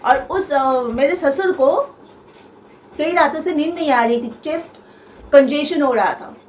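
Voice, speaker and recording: A young woman with a high voice pours out a personal grievance on her vlog, emphatic and full of stops and restarts. Her voice rings around a bare, echoey room, with a faint hum of ambient noise behind it. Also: measured pace. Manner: aggrieved, emphatic, repeats herself with many hesitations. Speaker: vlogger.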